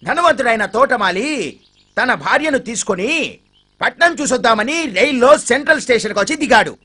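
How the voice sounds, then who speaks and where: A wisecracking husky neighbor. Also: male voice, very high-pitched, exaggerated voice. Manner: mocking, wisecracking, animated storyteller. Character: sarcastic teasing middle-aged man, mocking storyteller. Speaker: cheeky neighbor telling a comic story. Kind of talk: comedic film dialogue.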